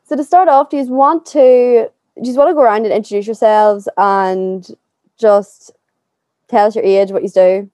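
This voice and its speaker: Casting: female presenter, Irish accent, soft warm timbre, dry close-miked sound. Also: mid-range voice, steady tone, moderate pace, no room sound. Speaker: show host, interviewer. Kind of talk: magazine show presenting.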